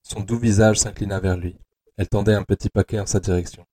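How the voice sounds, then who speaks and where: A man narrating an audio adaptation of a dark novel in a slow, measured, tense way. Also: fairly low pitch, flat delivery, slight background noise.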